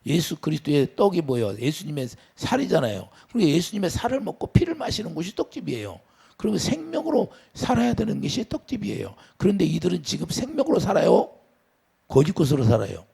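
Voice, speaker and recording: Man, pastor, sermon, gravelly, husky, lively swings in pitch, questions to the congregation. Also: fast. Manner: preaching with sudden rises and drops, asks the congregation questions.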